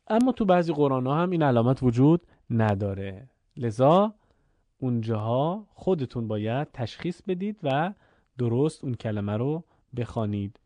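A man teaching Quran recitation rules in a calm spoken lesson, pausing to chant examples. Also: mid-range voice, dry recording. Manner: explains slowly, then chants Arabic examples.

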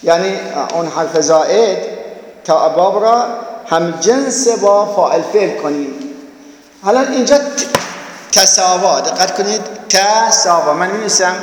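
A fairly high-pitched male teacher leads a grammar lesson in a classroom, chanting verb forms one by one. He checks often that his students are keeping up. His voice rings with a long, roomy reverb. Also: expressive, slight background noise. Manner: drills verb forms slowly, repeating each; coaxing, checks students follow.

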